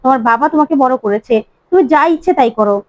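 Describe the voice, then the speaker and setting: Woman voicing a stern mother, scolding, bitter, high voice. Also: animated, racing, darkish tone, no room sound, low-quality recording. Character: stern, hurt middle-aged mother.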